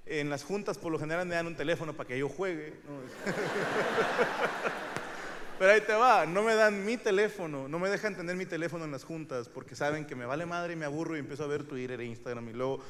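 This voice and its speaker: Crude Mexican comedian on a noisy stage. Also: male voice, fairly high pitch, brisk, long reverb tail. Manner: crude, rambling and self-mocking, bursts into loud shouts. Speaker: stand-up comedian. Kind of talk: stand-up comedy monologue. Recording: noisy live stage recording. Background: audience laughter.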